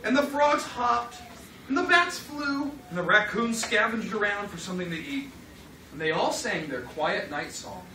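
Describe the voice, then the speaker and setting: With a mid-range voice and lively intonation at normal speed, a woman dramatically narrates a story live for children at a puppet show, prompting them with short lines to repeat. The distant microphone captures a roomy, noisy space.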